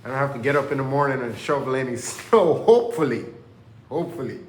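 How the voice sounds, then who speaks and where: A Jamaican vlogger talks casually to camera from an indoor workplace under renovation, his mid-range voice moving at a quick pace. His loose, rambling talk turns into preachy self-motivation, recorded in an echoey room with faint ambience and slight background noise.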